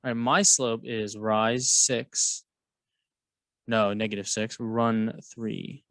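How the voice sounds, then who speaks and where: A man's voice: lowish voice, little pitch movement, slow, fairly bright tone, no room sound. Man teaching math, playful banter, asks guiding questions, dry close sound. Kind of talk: co-teaching a lesson, casual banter.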